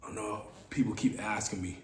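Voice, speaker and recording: Seated in a small room, a raspy man in his thirties hosts his own podcast alone, speaking briskly on the low side with a relaxed, playful manner and repeated phrases. A camera mic at mid distance captures him amid room echo and constant hiss.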